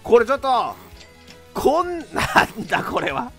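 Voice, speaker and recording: A young man doing let's play commentary, rough-talking and exasperated, laughing often. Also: extremely high pitch, sing-song, unhurried, faint music behind. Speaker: game commentator.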